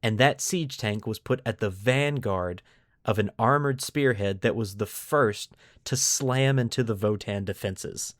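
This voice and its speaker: The podcast host speaks unhurriedly in a fairly low voice, recorded in studio quality with no room sound. He combines scripted lore narration with casual commentary, giving key words dramatic emphasis.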